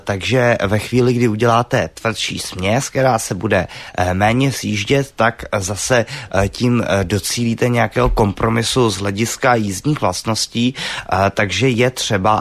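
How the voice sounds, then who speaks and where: Expert guest, male, low voice, halting delivery full of "eh"s, dry studio sound. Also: dry recording. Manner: hesitant, many filler sounds. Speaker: tire test expert guest. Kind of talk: radio call-in advice. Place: radio studio.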